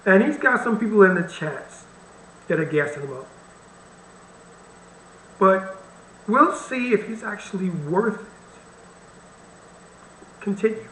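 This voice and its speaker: A man's voice: high-pitched, lively intonation, slow, pauses often, a bit bright, reverberant, slight background noise, poor audio. A man hosting a reaction video, commenting bluntly and with wry irritation on the clip he plays. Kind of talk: casual commentary over a played video.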